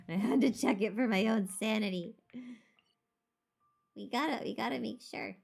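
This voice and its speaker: With music in the background, a woman streamer talks about a game in an unhurried way, her high-leaning voice gravelly, slightly mellow and edged with breath. She chats casually and thinks aloud, drifting through the game's lore.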